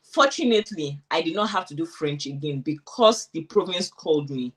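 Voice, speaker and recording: A woman's voice: deep voice, normal speed, far from the mic. A woman being interviewed, chatting casually and animatedly about her own experience, acting out what she thought and said. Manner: animated, acts out quoted thoughts. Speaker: interviewee sharing her immigration story. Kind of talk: casual conversational storytelling.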